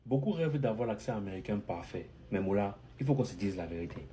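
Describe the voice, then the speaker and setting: A French-speaking man talking straight to camera in an animated, joking way while giving English accent tips. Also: fairly low pitch, fast, a little hiss or hum. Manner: animated and playful, with jokes and mock English phrases. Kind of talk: direct-to-camera vlog talk.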